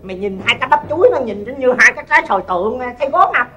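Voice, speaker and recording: A woman's voice: a little high, animated, racing, pushed and bright, soft background music. A woman playing a blunt, fussy older mother who finds fault with every bride her son brings home, in a comic sketch. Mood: scolding. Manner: blunt, scolding, mocking.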